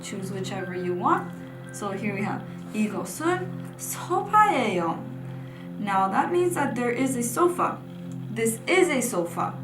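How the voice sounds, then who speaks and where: Over music, a young woman narrates a scripted language lesson, patiently and clearly walking through examples one at a time while often pointing at a whiteboard. Her slightly high voice swings widely in pitch at a moderate pace, with a roomy sound.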